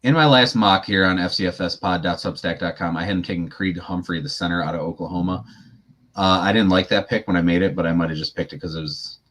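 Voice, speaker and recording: A man co-hosting a sports podcast, chatting casually and giving opinionated, animated takes. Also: low voice, fast talker. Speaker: podcast co-host.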